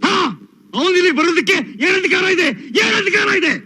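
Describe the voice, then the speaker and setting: A man's voice: very high-pitched, fairly quick, bright, forceful tone, exaggerated voice. An actor playing an arrogant, power-hungry father who blusters and threatens in a film drama. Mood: defiant. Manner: blustering, threatening, barking short retorts.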